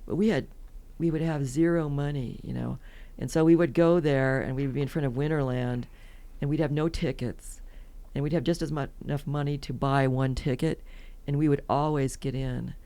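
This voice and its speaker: A woman's voice: extremely low pitch, fairly even intonation, moderate pace, few pauses, mellow. A woman in her seventies from California, telling rambling, chatty stories as a podcast guest and laughing often. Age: 70s. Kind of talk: casual interview storytelling.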